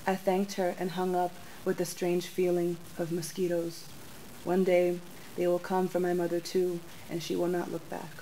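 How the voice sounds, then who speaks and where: Young female poet, lowish voice, soft measured reading in a small bookstore on a stand mic. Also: completely flat delivery, slight background noise, poor audio. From United States. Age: young adult. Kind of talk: poetry reading with spoken remarks. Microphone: stand mic in front of her.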